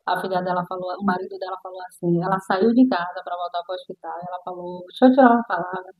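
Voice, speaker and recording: A woman's voice: fairly low pitch, flat delivery, fast, darkish tone, rough recording. A middle-aged woman with a Brazilian accent, a guest sharing her personal testimony in an interview and acting out the voices of the people in her story.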